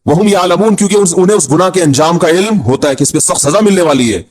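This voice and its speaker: A middle-aged man preaching a sermon with a Pakistani Urdu accent. His voice sits a little high for a man, and he mixes teaching with joking asides. He often drops into mock voices to act out the people he describes. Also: lively intonation, fast, a little mellow. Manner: humorous, mimics people in low voices. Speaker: Islamic preacher.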